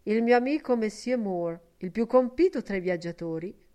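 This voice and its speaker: A brash male reveler, voiced by a woman reading aloud boasts and exclaims in an old-fashioned audiobook tale. He is loud and sure of himself. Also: mid-range voice, lively intonation, moderate pace, close to an everyday voice. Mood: boastful.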